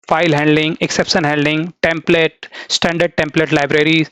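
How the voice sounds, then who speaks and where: A man's voice: on the high side, no room sound. A man with an Indian accent teaching programming in a tutorial lecture, explaining step by step and asking and answering his own questions. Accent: Indian English. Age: adult, has a three-year-old son. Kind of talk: Hindi-English tutorial lecture.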